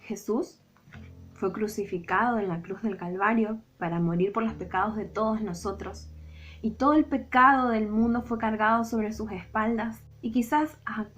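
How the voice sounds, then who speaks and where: Telling a Bible story to children, this woman, a Sunday school teacher, speaks dramatically and expressively in a Rioplatense Spanish accent. Her pitch is medium, and the recording sounds muffled.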